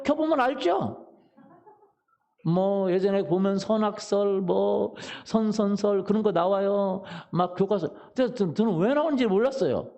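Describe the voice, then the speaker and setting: A man's voice: sits high, a little mellow. A middle-aged man preaching a sermon as pastor, telling humorous stories and asking the congregation questions. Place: church sanctuary.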